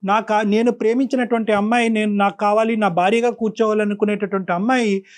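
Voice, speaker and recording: A man's voice: high voice, fairly even intonation, fast talker. A man hosting a counseling talk show, probing the guests with pointed questions. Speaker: counselor host.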